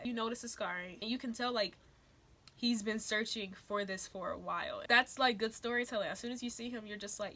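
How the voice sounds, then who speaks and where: A woman's voice: a little high, sharp tone. A young woman hosting a reaction video, critiquing a film with exasperated, laughing commentary.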